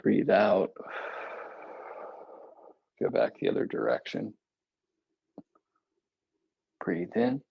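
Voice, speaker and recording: Calm male breathwork guide, unhurried and low, husky grain, dull lo-fi home recording. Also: dry recording. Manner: slow, calm, relaxed with casual asides. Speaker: meditation and yoga guide. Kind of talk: guided breathing and stretching instruction. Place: home, seated on a meditation cushion.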